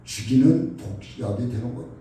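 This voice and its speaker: A man preaching a sermon from a distance, his voice echoing loudly through a church hall. His pitch moves a lot and sits a little high, and his tone is dark and mellow. He keeps asking the congregation questions and bursts into shouted lines when he acts out quarrels. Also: expressive, normal speed. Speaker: pastor. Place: church sanctuary. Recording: echoey church hall from far off.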